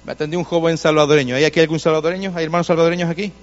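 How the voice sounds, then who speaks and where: Male pastor, high-voiced, storytelling sermon, insistent repetition, echoing church. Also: level tone, rapid-fire, dull audio. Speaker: Adventist pastor.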